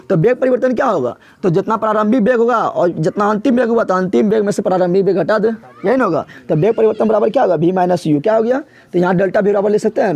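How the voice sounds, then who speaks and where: A man's voice: high voice, darkish tone. A man teaching an exam-prep physics lesson in a casual, colloquial way. He keeps asking a question and then answering it himself, repeating the key terms. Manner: casual, colloquial, addresses students directly.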